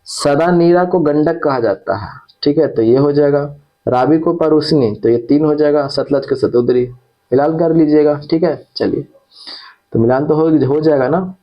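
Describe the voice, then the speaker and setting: A man's voice: a little high, moderate pace, highs cut off. A man teaching an exam-prep lesson who repeats key terms and checks in with his students after each point.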